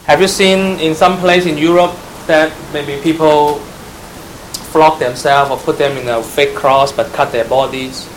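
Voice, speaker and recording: Man teaching church history, slightly high voice. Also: fairly even intonation, measured pace, a little hiss or hum, low-quality recording. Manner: spells out terms letter by letter and quizzes listeners; glosses terms in Chinese. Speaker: Bible teacher.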